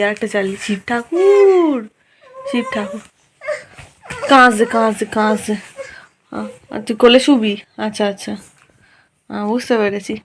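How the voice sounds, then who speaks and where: A woman vlogging at home at night, chatting casually and coaxing her small son with repeated words. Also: medium pitch. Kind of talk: casual vlog chat.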